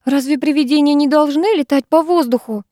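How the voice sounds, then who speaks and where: A woman reading an audiobook, voicing a timid, frightened teenage schoolgirl in a high, pleading, trembling voice. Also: unhurried, mellow, no room sound, studio quality.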